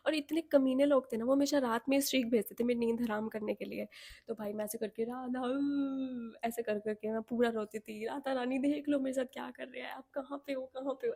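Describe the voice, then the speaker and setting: Young indian woman vlogging, candid and animated, laughs at herself, voice a bit high. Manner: candid, animated, self-mocking. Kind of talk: personal storytelling.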